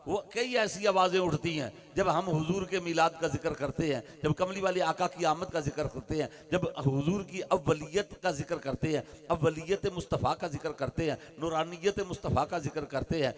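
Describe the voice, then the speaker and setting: A man with a Pakistani Urdu accent preaching a sermon, moving from hushed asides to loud, rhythmic refrains. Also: on the high side, moderate pace, few pauses.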